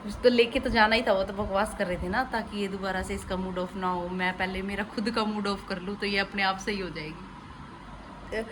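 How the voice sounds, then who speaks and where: A woman's voice: medium pitch, steady tone, moderate pace. A young woman with a Haryanvi accent, chatting emotionally in a casual family vlog, telling stories with teasing asides. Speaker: family vlogger. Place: home kitchen. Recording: noisy home phone recording.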